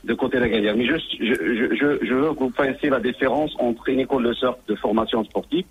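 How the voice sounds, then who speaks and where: A man calling in to a radio show over the phone, speaking haltingly and often restarting his words. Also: mid-range voice, slight background noise. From Morocco. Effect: caller on a phone line into a radio show.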